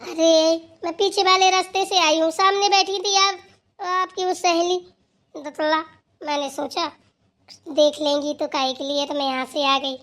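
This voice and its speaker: A woman's voice: extremely high pitch, fairly even intonation, a little slow, a bit bright. A woman voicing an earnest young daughter-in-law in a cartoon who pleads her case to her grandmother-in-law. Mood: pleading. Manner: earnest, pleading and defending herself. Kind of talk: cartoon voice acting.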